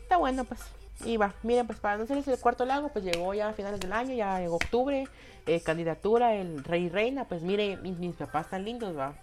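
A man's voice: high-pitched, fairly quick. A flamboyant young man with a Guatemalan Spanish accent tells a casual story straight to his viewers. He swears freely and keeps tagging his sentences with "va.". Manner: flamboyant, self-described effeminate. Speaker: vlogger telling a personal story.

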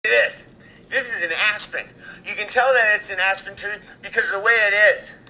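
A man's voice: high-pitched, moderate pace, bright, forceful tone, slight background noise, rough recording. An actor playing a pompous, smug male TV news anchor, in a film clip.

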